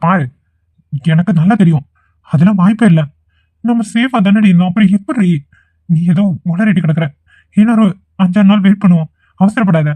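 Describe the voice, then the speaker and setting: A man's voice: high voice, fairly quick, long pauses, mellow, no room sound. A man voicing an impatient, dismissive young male college student in a cartoon. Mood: alarmed. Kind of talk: cartoon voice acting.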